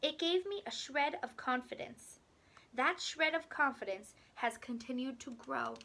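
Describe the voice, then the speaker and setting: A woman reading a children's picture book aloud like a teacher, expressive and deliberate, with dramatic pauses. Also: sits high, creaky, a little hiss or hum.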